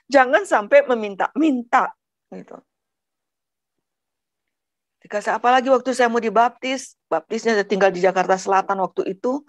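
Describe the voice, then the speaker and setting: Speaking in a gravelly, slightly high voice with no echo, an earnest woman from Padang, West Sumatra, shares her personal religious testimony. She is emotional and halting, repeats words, and repeatedly calls her listeners brothers and sisters.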